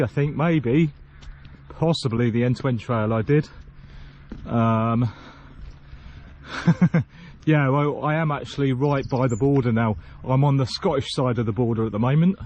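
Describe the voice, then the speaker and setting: Out walking in open hill country, a hiking vlogger chats casually to his viewers, sounding amused as he goes. His mid-range voice has a darkish tone, with slight background noise around it.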